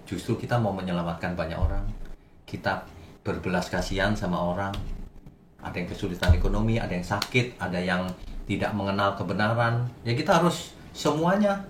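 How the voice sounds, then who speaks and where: A male pastor with a fairly low voice, pressing his points with repetition as he wraps up a sermon. His voice rings around a roomy space, with a faint hum of ambience underneath. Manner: exhorting, repeats points for emphasis. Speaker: pastor leading a church group. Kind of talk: sermon wrap-up and group discussion.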